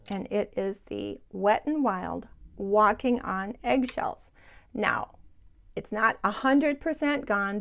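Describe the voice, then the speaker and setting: Woman in her sixties, beauty vlogger, casual chatty review, speaks straight to viewers. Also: medium pitch. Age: 60s. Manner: chatty and enthusiastic, addresses viewers directly. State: sweating in the heat. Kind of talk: casual product review chat. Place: home, hot room without air conditioning.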